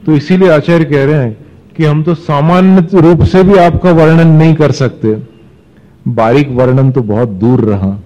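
A man's voice: on the high side, warm tone. A man teaching a class of listeners how to pronounce and recite verses, explaining each point and asking questions. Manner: explains pronunciation, chants verses slowly, asks the class questions. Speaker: religious teacher. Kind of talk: scripture recitation lesson. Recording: dull sound with long hall reverb.

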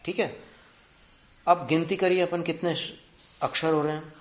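A man teaching spelling and pronunciation, drawing out syllables slowly, counting them aloud and asking his students questions. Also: a little high, fairly even intonation. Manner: asks students rhetorical questions. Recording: muffled echoey room.

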